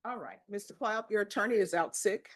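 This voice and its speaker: A woman judge speaks from the bench in a firm, measured way. She sets out orders plainly and lectures with steady authority. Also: medium pitch. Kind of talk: courtroom proceedings. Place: courtroom.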